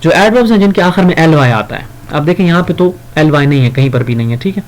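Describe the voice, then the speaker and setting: A man teaching a grammar lesson in Hindi. He reads example sentences slowly and explains them casually, with fillers and self-corrections. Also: a little high, animated.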